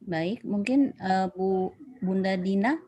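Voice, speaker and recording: A woman's voice: mid-range voice, slow, warm tone. A woman moderating a webinar who politely hands the floor to panelists and asks parents for questions.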